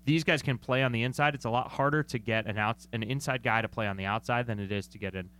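A man talks football in a loose, conversational way, stopping to rephrase and throwing in jokes. His pitch sits in an ordinary middle range. He sounds like a co-host on a sports podcast. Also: quick pace, fairly bright tone. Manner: chatty, self-correcting, joking. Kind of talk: casual sports talk.

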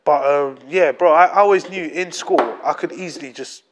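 A young man with a London roadman accent and street slang, chatting casually and telling stories with animated repetition. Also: a little high, moderate pace, a crowd in the background. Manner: animated, repeats phrases for emphasis. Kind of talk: casual group chat, telling anecdotes.

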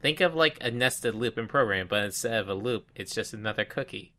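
A man's voice: fairly low pitch, expressive, a little fast, sharp tone. A young man co-hosting a casual podcast, talking loosely and laughing often. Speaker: podcast co-host. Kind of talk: casual chat.

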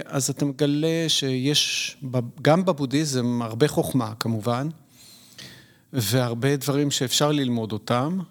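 Middle-aged guy on a podcast, mid pitch, slow careful lecturing, stops to hunt for words. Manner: measured, lecturing, pauses to search for words. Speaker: podcast guest. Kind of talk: reflective conversational explanation.

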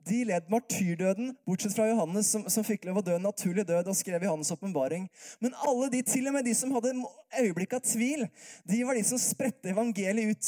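Mellow-voiced man preaching calmly. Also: high-pitched. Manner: calm, conversational, with many rhetorical questions. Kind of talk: sermon.

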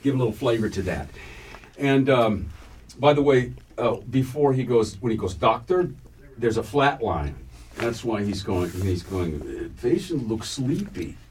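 A man's voice: medium pitch, animated, moderate pace, darkish tone, husky. A man running an acting class, giving encouraging notes and acting out line readings for his students. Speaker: acting coach. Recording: distant mic, faint room hiss.

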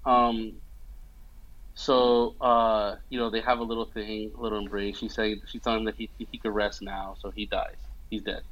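A man's voice: on the low side, normal speed, dull audio. A young man casually retelling a film scene by scene, with lots of fillers and check-ins with his listener. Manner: animated storytelling with many fillers and "you know what I mean". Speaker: movie fan recapping a film. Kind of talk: casual chat.

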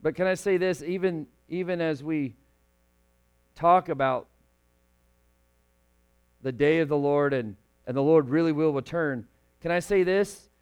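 A man with a fairly high voice preaches to a congregation in a church. He keeps it conversational with joking asides, then slows down and rises in volume when he reads scripture. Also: smooth. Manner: casual, joking asides, swells louder and slower when reading scripture. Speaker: pastor. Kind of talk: sermon. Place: church sanctuary.

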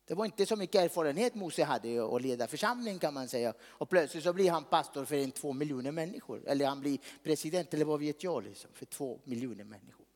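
Guy preaching a sermon, chatty, keeps asking the room questions, high voice, echo like a big hall. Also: animated, hardly any pauses, a little mellow. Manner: conversational, tags lines with questions to the audience. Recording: long hall reverb.

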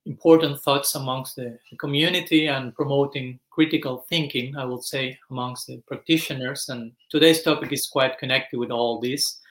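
A man's voice: mid-range voice, steady tone, moderate pace, hardly any pauses, fairly bright tone. Thoughtful Argentine man in his forties. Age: 40s. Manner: thoughtful, explanatory, searching for words. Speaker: guest monk. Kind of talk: reflective podcast interview. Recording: echoey room.

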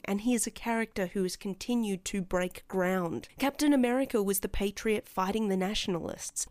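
A woman hosts her podcast in a scripted monologue, her voice sitting at an ordinary middle pitch. She talks with conviction and a dry, sardonic edge, turning now and then to the listener as if they were a companion in a game. The recording is close and dead, with no room sound. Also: a little mellow, no echo. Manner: impassioned and sardonic; addresses listener as player two. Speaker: podcast host.

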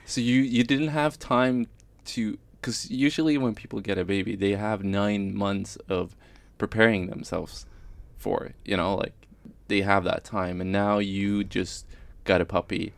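A man in a casual podcast chat with a fairly low, creaky voice. He is halting and teasing as he asks his questions. The sound is very dry. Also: fairly even intonation, no room sound. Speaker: podcast co-host.

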